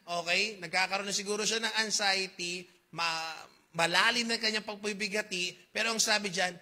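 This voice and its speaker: A man with a Filipino accent preaching a sermon, reading old-fashioned scripture slowly and asking his congregation questions. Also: high voice, bright, forceful tone. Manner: mixes Tagalog and English, reads KJV verses slowly; asks the congregation questions, jokes. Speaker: pastor.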